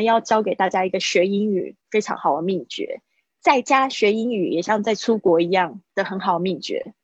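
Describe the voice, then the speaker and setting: A woman's voice: medium pitch, no echo. Woman teacher drilling english words, lo-fi dry stream audio. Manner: mixes Mandarin with English, drawn-out vocabulary drills. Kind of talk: live-streamed language lesson. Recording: husky, dull lo-fi stream audio.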